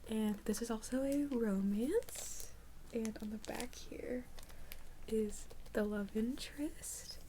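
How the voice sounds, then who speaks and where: A young woman in an ASMR role-play as a librarian, speaking in a soft, halting soft voice. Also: fairly high pitch, slight background noise. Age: young adult. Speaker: ASMR creator playing a librarian.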